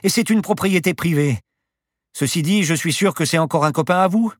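Guy putting on a nervous young woman, way higher voice, snappy and scared. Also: a little fast, no room sound, clean studio sound, close to an everyday voice. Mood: alarmed. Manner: alarmed, pleading. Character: young woman, anxious and sharp-tongued.

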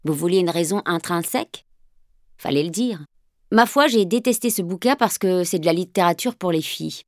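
A woman's voice: fairly low pitch, expressive, normal speed, darkish tone, dry recording, studio quality. A woman voicing a sullen, scornful teenage boy who answers in curt, dismissive retorts.

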